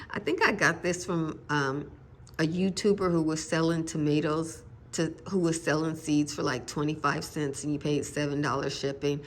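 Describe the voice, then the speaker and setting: A woman's voice: deep voice, a bit bright, slight background noise. An older woman chatting casually about her garden seeds in a folksy way, with religious asides. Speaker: gardening vlogger. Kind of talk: casual chat.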